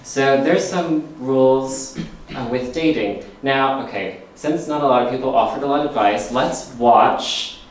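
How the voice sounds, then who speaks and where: Man hosting a live stage show, playful and laughing, boomy theater echo, heard from a distant mic. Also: unhurried, slight background noise. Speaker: comedy science show host. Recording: echoey theater from far off.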